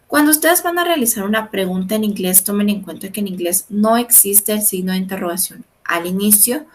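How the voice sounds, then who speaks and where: A woman's voice: mid-range voice, animated, slight background noise. Patient woman teaching English. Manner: explanatory, frequent checks like "¿verdad?" and "¿sí?"; slows down to pronounce English phrases. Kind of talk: online class lecture.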